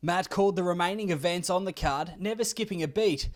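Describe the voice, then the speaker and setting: A man reads a scripted sports news report. His voice sits a touch high for a man, and his delivery is measured and steady.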